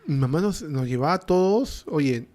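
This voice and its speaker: A middle-aged man with a Peruvian Spanish accent reminisces in a casual chat. His voice sits a little high, and his manner is relaxed. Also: normal speed. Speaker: podcast co-host.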